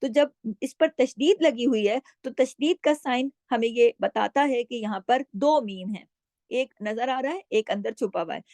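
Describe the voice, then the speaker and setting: A woman's voice: fairly high pitch, normal speed, darkish tone, no room sound. A woman teaching Quran recitation step by step. She patiently explains each sound and demonstrates how it is pronounced.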